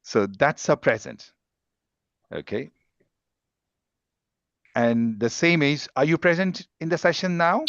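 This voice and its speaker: Brief: male pronunciation teacher, lively pitch, dry and dull call audio. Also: no echo. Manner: patient, explains slowly with examples. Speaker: English pronunciation trainer. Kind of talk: online class teaching.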